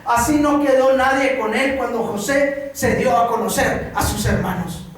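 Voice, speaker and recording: A preacher with a Mexican Spanish accent delivers a sermon in a church hall with a repetitive, emphatic cadence. His voice is mid-range at normal speed, captured by a distant mic in a very echoey hall.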